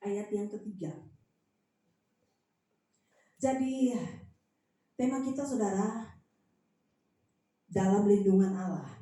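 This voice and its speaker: Woman preacher in a booming echoey hall. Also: slow pace, long pauses. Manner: lively, animated storytelling with swings in loudness. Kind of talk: sermon. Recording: very echoey hall, mic from a distance.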